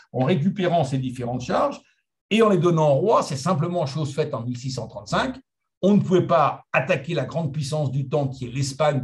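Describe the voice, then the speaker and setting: A middle-aged man from France giving a lively, conversational lecture to historians, with humorous asides. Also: on the high side. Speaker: guest speaker.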